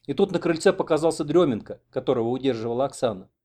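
A male audiobook narrator reading with expressive delivery. His voice sits at an average pitch. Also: fast talker. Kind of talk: scripted narration.

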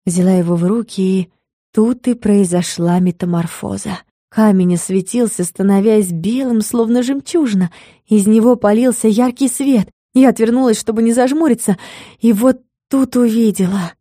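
A woman reading a fantasy audiobook in a measured, even storytelling manner, close to the microphone. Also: mid-range voice, no echo. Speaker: audiobook narrator. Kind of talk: scripted audiobook narration.

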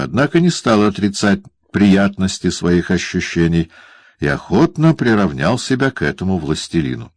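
A man narrating a classic novel as an audiobook, in an expressive storytelling manner. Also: low voice, no room sound. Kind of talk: scripted narration.

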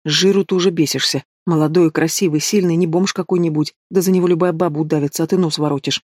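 A man's voice: on the high side, steady tone, quick pace, no room sound, studio quality, natural voice. A man voicing a blunt, reproachful middle-aged mother who lectures her daughter, in an audiobook. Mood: scolding. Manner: bossy and reproachful.

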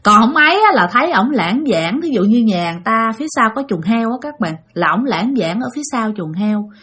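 Woman, Southern Vietnamese accent, ghost storyteller, husky, chatty, slightly high voice. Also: expressive, brisk, fairly bright tone. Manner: chatty, addresses listeners directly. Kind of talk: casual spoken ghost story.

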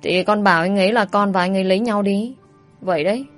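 A woman's voice: medium pitch, quick pace, faint music behind, lightly acted. A woman voicing a blunt, teasing young woman. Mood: pleading.

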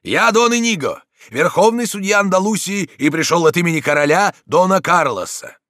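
Stern older judge, commanding and insistent, voiced higher and louder by a male reader. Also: animated, normal speed, no echo, studio quality. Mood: commanding shout.

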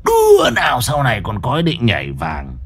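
Brutal henchman, voiced by a man, sneering, hissing, lively pitch, cruel. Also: normal speed, faint music behind. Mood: sneering cruelty.

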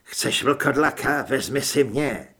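A man voicing a gruff, defiant werewolf man who talks in blunt, clipped phrases, with a husky voice. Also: medium pitch, sharp tone.

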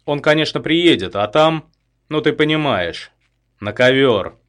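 A man's voice: mid-range voice, normal speed, a bit bright, lightly acted. A man voicing a mocking, threatening male killer who was a boxer. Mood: mocking, menacing.

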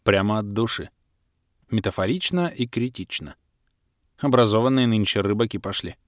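A man's voice: lowish voice, moderate pace, no echo, clean studio sound. A man reading a first-person fantasy story aloud with a wry, ironic tone. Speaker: audiobook narrator.

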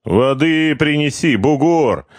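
A man voicing a drunk, crude young corporal who shouts, swears and threatens. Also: medium pitch, big pitch swings, slow pace, dry recording, voice pushed up. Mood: drunken bullying.

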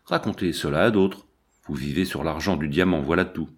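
A man's voice: very deep voice, a little fast, pitched below the performer's own voice. A man voicing a drunken, angry male accomplice who speaks in a bitter, accusing way.

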